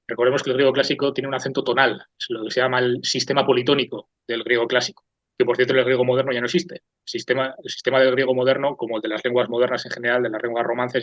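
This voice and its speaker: A man's voice: medium pitch, fairly bright tone, dry recording. A man hosting a talk program, giving an unscripted, thoughtful and digressive lecture that often checks in with the listener. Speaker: host of a cultural talk program. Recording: slightly dull, dry lo-fi recording.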